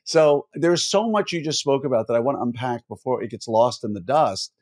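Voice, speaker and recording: A man's voice: mid-range voice, brisk, a little mellow. A man hosting a podcast interview who rambles, corrects himself and jokes as he sets up questions. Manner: rambling, self-correcting, jokey. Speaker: podcast host. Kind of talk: conversational interview.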